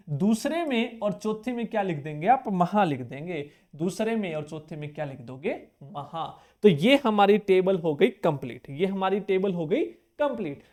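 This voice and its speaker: A man's voice: high-pitched, a little mellow. A male teacher giving an exam-prep grammar lesson who fires questions at his viewers, answers them himself, repeats key terms to drill them and casually calls them brother.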